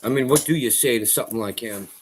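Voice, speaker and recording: A man's voice: mid-range voice, fast talker, a little hiss or hum. A middle-aged man hosting a casual commentary vlog, talking to his audience in a rambling, conversational way. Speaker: host.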